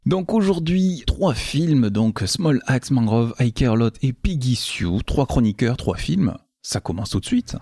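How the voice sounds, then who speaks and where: A man's voice: mid-range voice, lively intonation, measured pace, few pauses, darkish tone. A man hosting a casual film-review podcast online, playful and often tripping over repeated words. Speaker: podcast host. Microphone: online call.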